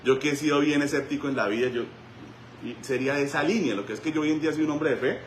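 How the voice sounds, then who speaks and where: A man, a pastor preaching a sermon in a church and telling stories with sudden shouts. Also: a little high, fast, slight background noise. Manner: animated storytelling, voice rising to shouts. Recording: echoey church room.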